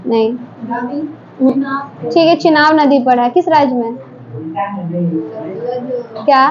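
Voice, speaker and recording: A woman teacher running a quick quiz drill in a classroom, briskly prompting students to answer one after another. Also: high voice, darkish tone. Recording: dull lo-fi classroom recording, faint noise.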